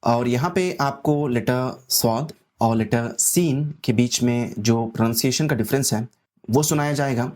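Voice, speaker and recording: A man teaching a language lesson, explaining slowly and patiently and repeating his instructions. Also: mid-range voice, a little mellow. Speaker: Arabic teacher.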